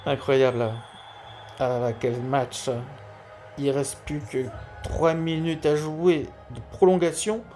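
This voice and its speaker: Un homme qui zozote, avec des s chuintants, commente en amateur un match de jeu vidéo en direct et répète certains mots pour insister. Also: male voice, on the high side, fairly even intonation, slow pace, warm tone, faint music behind. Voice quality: lisping, slushy s and sh sounds. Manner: repeats key words for emphasis. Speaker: amateur live streamer. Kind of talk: football video game commentary and dedication to a friend.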